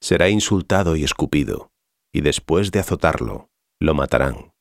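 A man voicing Jesus as a calm, solemn teacher, measured in delivery, in an audiobook reading. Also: very deep voice, vocal fry, no room sound, studio quality, heavily acted.

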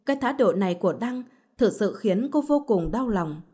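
A woman narrates a bedtime story in scripted narration. Her delivery is steady and even throughout. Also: mid-range voice, normal speed, slightly rough.

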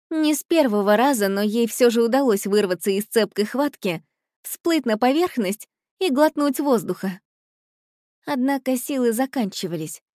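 A woman reading a storybook aloud in an expressive, scripted narration style. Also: fairly high pitch, no echo, clean studio sound. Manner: expressive, voices the characters in quotes.

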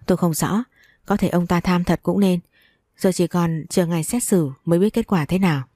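A woman voicing a calm, guarded young husband who speaks in a level, measured way in a storybook reading. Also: fairly low pitch, no room sound, clean studio sound, natural voice.

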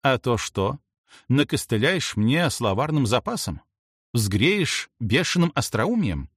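A man's voice: mid-range voice, sing-song, takes it slowly, husky, dry recording, clean studio sound, heavily acted. Man doing a smug sneering young slacker. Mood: mocking. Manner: mocking, provocative.

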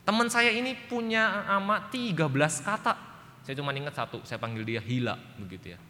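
A man's voice: a little high, moderate pace, sharp tone, slight background noise. A male pastor preaching a sermon in a church, emphatic, often turning directly to the congregation. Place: church sanctuary. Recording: church recording with long reverb.

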